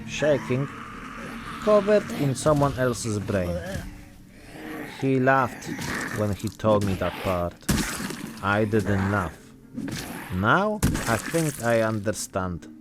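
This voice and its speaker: A man voicing a weary immigrant zombie-apocalypse survivor, telling his story in short, deadpan, reflective phrases. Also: mid-range voice, takes it slowly, over music. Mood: somber, reflective. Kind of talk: narrated in-character role-play monologue.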